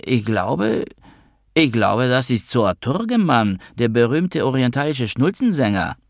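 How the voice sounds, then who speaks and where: A man's voice: medium pitch, sing-song, unhurried, vocal fry, no echo, studio quality, pitched above the performer's own voice. A man reading an audiobook, voicing a teasing, sarcastic male friend on the phone. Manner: sarcastic, needling.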